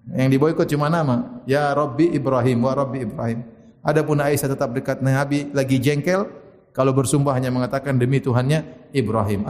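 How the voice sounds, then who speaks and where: A man giving a sermon, telling stories lively, quoting Arabic and joking. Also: a little high. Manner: lively storytelling with Arabic quotes and jokes. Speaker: preacher. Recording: echoey hall.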